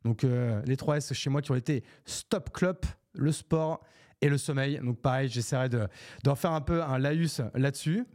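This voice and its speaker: A man with a medium-pitched, slightly mellow voice talks at a moderate pace on his own solo podcast from Bordeaux, France. He speaks unscripted into a podcast microphone, rambling casually with lots of fillers, restarts and English business slang.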